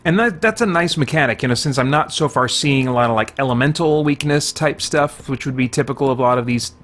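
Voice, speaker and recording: Talking fast in a slightly bright, medium-pitched voice, a man plays and reviews a video game. He keeps it conversational, musing aloud and letting out mild slang exclamations.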